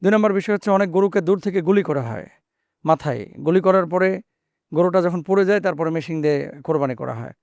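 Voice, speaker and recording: A man's voice: sits high, fairly quick, darkish tone, no room sound, clean studio sound. A man hosting a religious interview, asking questions respectfully and affirming often. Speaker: show host asking questions.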